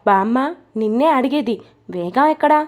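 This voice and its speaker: A woman's voice: a little high, animated, normal speed, close to an everyday voice. A woman voicing an impatient young husband who teases and scolds in a snappy way.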